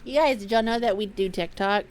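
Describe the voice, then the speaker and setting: A woman's voice: mid-range voice, fairly quick, faint music behind. A young woman co-hosting a casual gaming stream, playful and grumbling about her quests. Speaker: streamer co-host.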